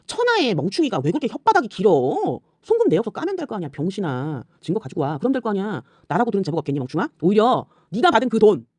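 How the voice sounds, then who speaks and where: A woman scolding and swearing at her rivals in an angry rant, firing off rhetorical questions and tagging lines with a sharp "eh?". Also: lowish voice, no room sound, clean studio sound. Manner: repeatedly tags lines with a sharp "eh?". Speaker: YouTuber addressing rivals.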